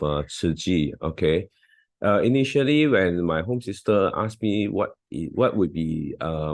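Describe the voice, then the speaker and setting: A man with a Malaysian English accent, not a native English speaker, gives a hesitant volunteer talk over a video call, full of fillers and restarts. His voice is low-pitched and a little mellow, and the studio-quality audio carries no room sound.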